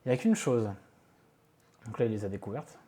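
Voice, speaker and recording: A man's voice: lowish voice, big pitch swings, a little fast, mellow. A man talking through a casual screen-recorded tech tutorial from his home office, chatty and self-mocking, with many fillers and asides. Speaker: tech video creator.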